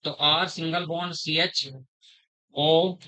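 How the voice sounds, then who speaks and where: A middle-aged man teaching a chemistry class, slowly repeating terms, quizzing his students and calling them "beta". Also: fairly high pitch, flat delivery, pushed and bright, low-quality recording. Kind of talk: classroom lecture.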